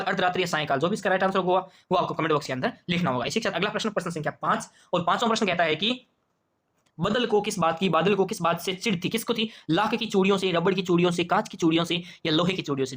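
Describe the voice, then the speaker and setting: A man's voice: sits high, rapid-fire, fairly bright tone. A man with a Rajasthani Hindi accent walking through an exam paper as a teacher, asking questions aloud and repeating them. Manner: quizzing, repeats questions and answers to himself. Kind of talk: exam paper walkthrough lesson.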